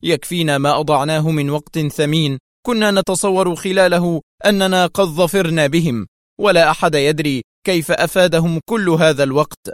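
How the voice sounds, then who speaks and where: A man's voice: on the high side, a little fast, no echo, studio quality, pitched above the performer's own voice, natural voice. A man voicing a tense, fierce male intelligence officer who speaks with agitated, commanding harshness.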